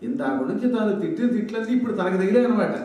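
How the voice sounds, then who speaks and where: A man giving a religious storytelling sermon into a microphone, lively and full of humorous asides. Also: high voice, racing. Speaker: religious discourse speaker. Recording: very echoey hall, distant mic.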